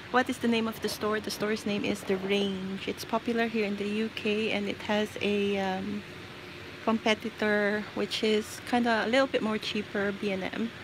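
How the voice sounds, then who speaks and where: Walking around inside a large retail store, a Filipina host runs a casual shopping livestream on a handheld phone, reading out prices and shouting out viewers. Her voice is medium in pitch, against the noise of the shop floor.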